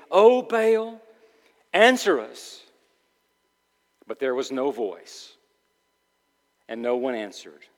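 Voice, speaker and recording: A man preaching a sermon, reading Scripture aloud with dramatic rises into near shouts. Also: mid-range voice. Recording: long reverb of a large hall.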